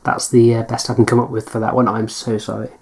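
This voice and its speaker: A woman's voice: a bass voice, level tone, quick pace, mellow, husky. A woman chatting casually as a hobby vlogger, answering viewer questions in a hesitant, self-deprecating way. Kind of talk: casual Q&A chat.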